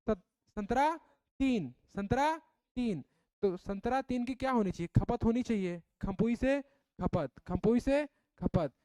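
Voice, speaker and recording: A man's voice: sits high, mellow, clear, resonant tone, dry recording. A man teaching a class, drilling memory tricks with lots of repetition and call-and-response questions.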